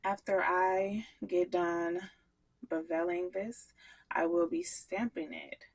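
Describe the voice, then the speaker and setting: A woman's voice: lowish voice, fairly even intonation, slow pace, slight background noise, low-quality recording. A woman soap maker chatting casually to her viewers while she works on a craft vlog. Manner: chatty, talks straight to viewers.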